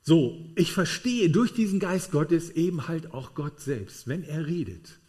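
A man's voice: fairly high pitch, lively intonation, measured pace, a little mellow. A man preaching a sermon to a congregation in a room, emphatic and checking in with tag questions.

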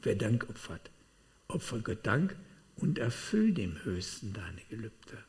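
A man preaching a sermon, telling personal testimony in an animated way with sudden swings between loud and quiet. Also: on the low side, measured pace. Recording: long hall reverb.

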